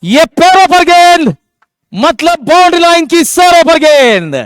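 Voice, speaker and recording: A man giving live ball-by-ball cricket commentary, with excitable, drawn-out calls on the big moments. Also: extremely high pitch, dry recording, clean studio sound.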